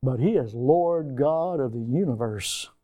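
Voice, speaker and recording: A man preaching a sermon, emphatic and rising to loud peaks. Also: mid-range voice, animated, measured pace.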